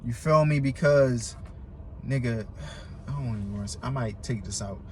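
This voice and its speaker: There's a little hiss or hum behind this American man's medium-pitched, darkish voice, which runs at normal speed. A stutterer who repeats words and syllables, he chats emphatically as a podcast guest, heavy on slang and swearing, often restating points for emphasis.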